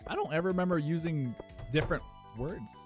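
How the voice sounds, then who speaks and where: A young man chats casually with his live-stream viewers, animated and talking a little fast, often breaking into squeaky bursts of laughter. Soft music plays in the background.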